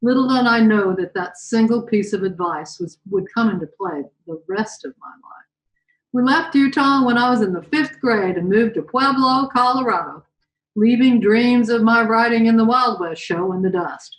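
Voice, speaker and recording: A woman's voice: a little high, moderate pace. A woman of around seventy from the western United States, telling a candid, folksy personal story as a guest speaker, with chatty asides. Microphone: video call. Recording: roomy echo.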